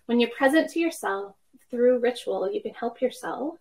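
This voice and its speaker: A woman's voice: fairly high pitch, expressive, normal speed, a little mellow, rough recording. A woman in her fifties, a worship professor speaking as a podcast guest, explaining ideas reflectively through personal anecdotes. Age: 50s. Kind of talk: conversational podcast interview.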